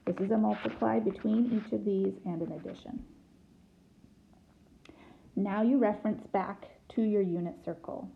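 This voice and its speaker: A woman teacher walks through a recorded whiteboard lesson in a gravelly, mid-pitched voice, chanting formulas in rhythm. Her asides are dry and teasing. The tablet recording sounds dull and lo-fi, with a faint hiss behind her. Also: fairly even intonation, moderate pace, long pauses. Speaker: math teacher. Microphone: tablet mic.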